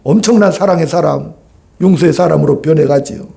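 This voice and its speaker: A male pastor preaching a Sunday sermon in an animated, conversational way, often calling out for amens from the congregation. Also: on the high side, a little fast, creaky.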